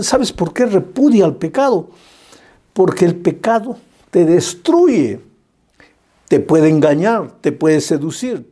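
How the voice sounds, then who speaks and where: A man's voice: on the high side, dark tone. A male pastor preaching an evangelistic sermon with impassioned, repetitive cadences, speaking directly and fondly to the listener.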